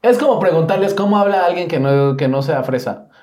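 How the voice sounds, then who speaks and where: A young man with a Mexican accent co-hosting a casual podcast, relaxed and questioning, often hesitating with fillers. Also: a little high, a little fast. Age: young adult. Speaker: podcast co-host.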